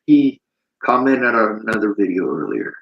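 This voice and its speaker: A man's voice: fairly low pitch, very animated, normal speed, highs cut off. Preachy livestreaming man, roomy sound. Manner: preachy, reads chat aloud. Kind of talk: livestream monologue.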